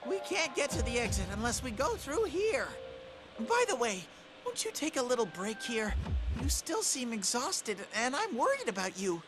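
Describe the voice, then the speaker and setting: An affectionate talking bear mascot full of bubbly excitement. The voice is high and swoops wildly up and down. Game music plays behind. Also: male voice, normal speed.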